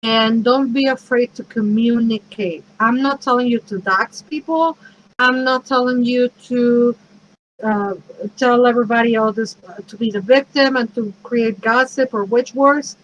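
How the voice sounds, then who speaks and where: Frank, higher-voiced woman minister. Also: measured pace, lo-fi sound, a little hiss or hum. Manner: frank and direct, with self-deprecating asides; earnest, advising listeners. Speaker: priestess and minister. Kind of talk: conversational workshop talk.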